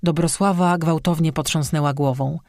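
Measured fairy-tale audiobook narrator. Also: medium pitch, fairly even intonation, darkish tone, dry recording, studio quality.

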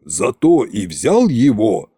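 A man reading an audiobook, voicing a weary, grumbling old tsar-sorcerer who speaks low, slow and resigned. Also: wildly swooping pitch, warm tone, husky, dry recording, studio quality, heavily acted.

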